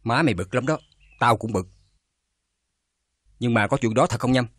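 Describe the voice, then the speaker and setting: A middle-aged actor with a Southern Vietnamese accent playing an uncle who counsels his niece calmly and firmly. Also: medium pitch, husky, no echo. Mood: stern calm. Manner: calm, measured counsel. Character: calm, stern village uncle.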